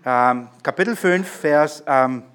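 A man's voice: a little high, takes it slowly, a bit bright, clean tone. A man preaching a sermon to a congregation, stressing key lines with urgent emphasis.

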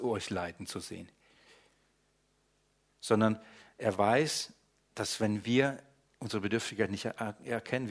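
A man preaching in German, teaching from the Bible, shifting between low, quiet explanation and loud, emphatic passages.

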